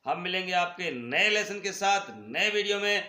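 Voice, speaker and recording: A man with a Haryanvi accent walks students through a school lesson at an unhurried pace, his high, bright voice ringing in an echoey room. He patiently repeats words for pronunciation. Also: animated. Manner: addresses students as brother. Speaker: teacher.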